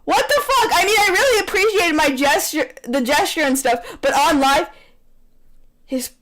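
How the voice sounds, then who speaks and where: Her voice sits high and a bit bright, expressive at a normal speed, as a woman reads fan fiction aloud and banters playfully. The tone is theatrical, bossy, and giggly, and the sound comes through a poor amateur microphone.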